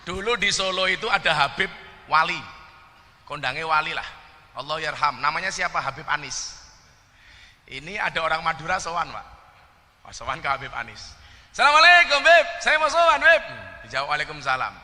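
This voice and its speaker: A man with a Javanese accent delivers a humorous religious sermon to a gathered audience, teasing them about regional dialects and throwing questions straight at the crowd. His voice is fairly high, pushed and bright, at a moderate pace with long pauses, with long hall reverb and faint background noise.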